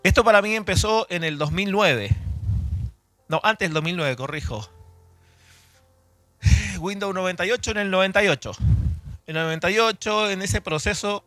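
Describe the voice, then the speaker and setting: A man's voice: high-pitched, normal speed, long pauses, pushed and bright, dry recording, faint music behind. A man in his forties from Chile, raised in Argentina, gives a conversational doctrinal teaching at church and restarts and corrects himself as he talks. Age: 40s. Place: church hall.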